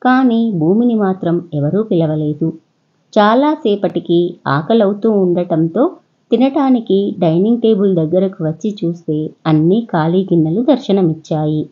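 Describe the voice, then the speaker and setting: A woman narrates a children's story with a Telugu accent, in a steady, even manner. Her voice is husky and slightly breathy. The recording is a bit dull and lo-fi. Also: mid-range voice, normal speed.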